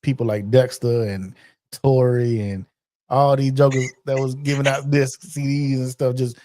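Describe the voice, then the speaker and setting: A man co-hosting a podcast in casual chat, relaxed, answering in short affirmations and laughing easily. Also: mid-range voice, unhurried, no echo. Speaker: podcast co-host.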